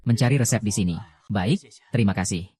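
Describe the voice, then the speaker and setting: A man dubbing every role in a drama with a flat, even delivery. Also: lowish voice, fairly quick. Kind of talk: dubbed drama dialogue.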